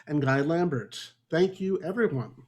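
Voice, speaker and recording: A podcast host with a higher-leaning, expressive voice speaks a little slowly as he reads his scripted intro to a book discussion. He adds wry, dry remarks along the way, and the audio comes from an online group call.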